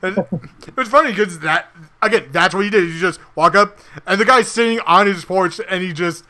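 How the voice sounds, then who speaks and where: A man co-hosting a casual podcast with a high, bright, ringing voice. He tells game stories with animation and acts out the characters' lines as he goes. His talk is loose and conversational. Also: brisk. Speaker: podcast co-host and tabletop player. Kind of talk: casual chat.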